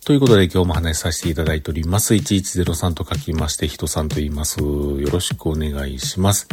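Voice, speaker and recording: Talking fast in a bass voice that's a little mellow and husky, a solo talk-show host with a Kyoto Kansai accent rambles casually on his own. His blocked nose makes him sound congested, almost like he's holding his breath. There's no room sound, just faint music in the background.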